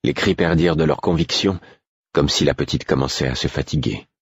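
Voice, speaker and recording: A man narrating an audiobook in the first person, calm and measured. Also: rumbling low, breathy edge, dry recording, clean studio sound.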